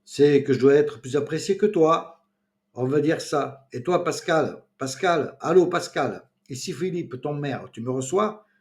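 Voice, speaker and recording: Brief: man playing a loud, commanding town mayor, storybook reading. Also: on the high side, expressive, measured pace, pitched above the performer's own voice. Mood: bossy. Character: small-town male mayor, bossy and teasing.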